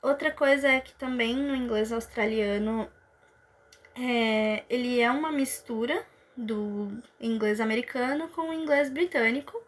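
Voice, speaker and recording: A young woman with a high voice presents a school assignment. She explains step by step, pausing and correcting herself now and then. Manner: explanatory, with hesitations. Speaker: student presenter.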